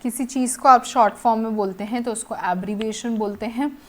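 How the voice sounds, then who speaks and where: A woman teacher giving an exam-prep lecture, mixing Hindi explanation with English terms and slowing down to repeat rules and examples. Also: fairly high pitch.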